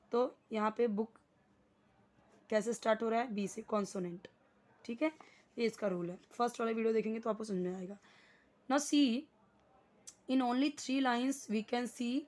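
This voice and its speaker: A woman teaching grammar, explaining in Hindi and reading examples slowly and deliberately. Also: fairly high pitch, a little mellow. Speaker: English teacher. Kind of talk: slow classroom explanation.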